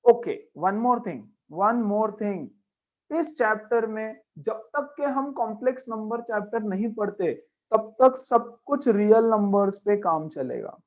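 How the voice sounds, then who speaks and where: A man's voice: high-pitched, animated, slow pace, a little mellow, dull audio. A man teaching a maths class as a lecture, emphatic, repeating key points and checking in with his students. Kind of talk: classroom lecture mixing Hindi and English.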